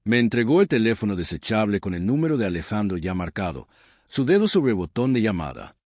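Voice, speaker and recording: A man reading a first-person drama story aloud in a measured, dramatic storytelling manner. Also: fairly low pitch, big pitch swings, darkish tone, dry recording, clean studio sound. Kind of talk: scripted first-person narration.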